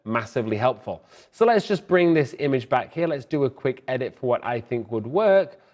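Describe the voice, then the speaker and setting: A young man hosting a fast photo-editing tutorial, brisk and upbeat, giving opinionated tips and sounding out of breath. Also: mid-range voice, very animated, darkish tone. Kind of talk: fast screen-recorded software tutorial.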